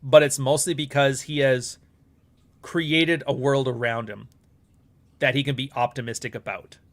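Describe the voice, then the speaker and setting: This middle-aged Canadian man hosts a casual live stream in a Canadian accent, his medium-pitched voice steady and unhurried. He talks bluntly, swears often, and wanders into rambling asides.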